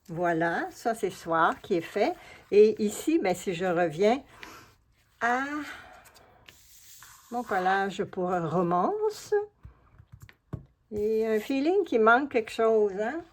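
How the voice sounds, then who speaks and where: A collage artist and craft video host with a Québécois French accent speaks in a mid-range voice, with a little hiss or hum audible. She demonstrates the craft step by step, chatting familiarly and explaining as she works.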